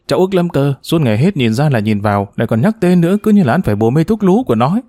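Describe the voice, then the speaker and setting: A man's voice: on the high side, big pitch swings, very fast, mellow, no echo. A man voicing a resentful, defiant middle-aged village woman who talks in a sulky, complaining way.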